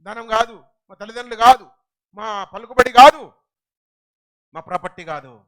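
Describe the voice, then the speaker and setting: A man preaching a church sermon, swinging from quiet asides to loud exclamations and quizzing the congregation. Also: high-pitched, moderate pace. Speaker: pastor.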